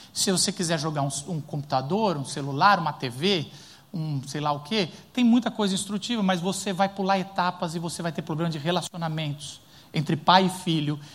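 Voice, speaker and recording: Brief: Brazilian male pastor, middle-aged, fairly high voice, lively storytelling sermon. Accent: Brazilian Portuguese. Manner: animated, rhetorical, tells family anecdotes, acts out quotes.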